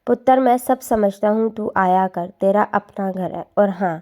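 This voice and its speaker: A woman's voice: mid-range voice, mellow, close to an everyday voice. A woman voicing a stern, protective middle-aged father with a firm way of speaking.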